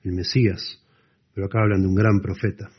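A man preaching a sermon, explaining scripture earnestly and dropping to soft emphasis. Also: low voice, little pitch movement, a little fast, breathy edge. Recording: dull lo-fi sound.

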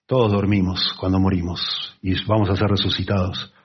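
A man preaching a conversational Bible sermon, with lively asides and acted-out quotes. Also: sits low, normal speed, breathy edge, highs cut off.

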